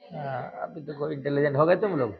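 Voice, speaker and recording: A male English teacher with a fairly high voice and some vocal fry runs a classroom grammar lesson, constantly firing questions at his students. He drawls his example sentences out slowly, and the audio sounds narrow and tinny.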